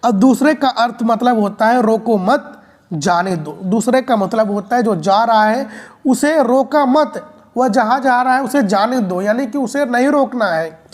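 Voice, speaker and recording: Speaking at a moderate pace with few pauses, a woman with a fairly high, slightly mellow voice teaches an explanatory exam-prep video lecture. She goes over key points again and again and frequently calls her audience "friends."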